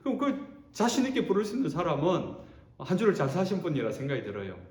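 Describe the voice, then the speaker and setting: A man preaching a sermon as pastor, animated and expressive, acting out quotes as he goes. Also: on the high side, fast talker. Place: church sanctuary. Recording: roomy church echo.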